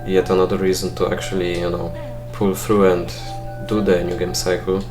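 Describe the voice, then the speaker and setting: Over music, a young man from Poland talks at normal speed in a low voice with little pitch movement. A let's play gamer and non-native English speaker with a Polish accent, he offers dry, self-mocking gameplay commentary and thinks aloud with fillers.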